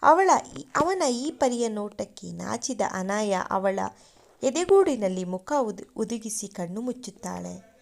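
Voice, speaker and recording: Slow, expressive woman storyteller. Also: mid-range voice, vocal fry. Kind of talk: romance story narration.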